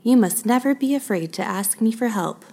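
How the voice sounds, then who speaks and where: A woman voicing a kind, steady father rabbit in a storybook, speaking calmly and reassuringly. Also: on the high side, normal speed, voice pushed up. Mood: gentle.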